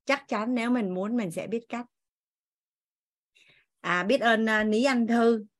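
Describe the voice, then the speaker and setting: A woman's voice: a little high, slow. Woman teacher leading an online class.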